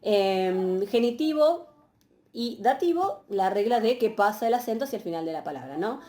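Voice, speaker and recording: A woman giving a patient, explanatory university lecture, often pausing on fillers and checking questions. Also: mid-range voice, animated, dark tone. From Argentina. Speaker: university Greek teacher. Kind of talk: recorded online lecture.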